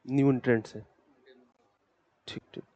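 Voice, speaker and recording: A man's voice: medium pitch, steady tone, unhurried, lo-fi sound, background noise. A man teaching a geography class, speaking patiently and in a fatherly way to students who have just joined. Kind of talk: classroom lecture.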